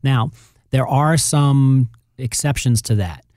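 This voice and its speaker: Guy explaining money stuff to listeners, mellow voice, emphatic, dry close mic. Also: medium pitch, slow, no echo. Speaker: financial advisor on a radio show. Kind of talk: conversational advice talk.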